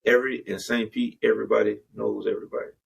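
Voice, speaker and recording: A man's voice: on the low side, flat delivery, fast talker, vocal fry, husky, rough recording. A man hosting a casual podcast, slangy and rambling, with many restarts. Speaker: podcast host.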